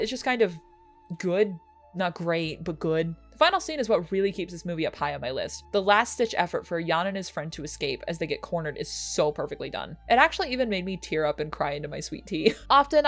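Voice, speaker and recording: Young female film reviewer, sarcastic and profane, lively swooping delivery, faint music under her. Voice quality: sarcastic, swears freely. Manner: animated, pitch jumps for jokes. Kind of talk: casual chat.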